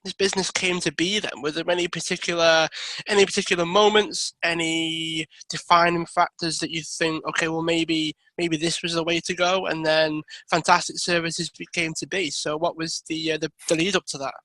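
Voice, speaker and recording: A male podcast host with a high, sharply bright voice introduces his guest and asks friendly questions. He trips over words and restarts now and then, and the recording sounds close and dry. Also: flat delivery, normal speed, no room sound, rough recording. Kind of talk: casual interview hosting.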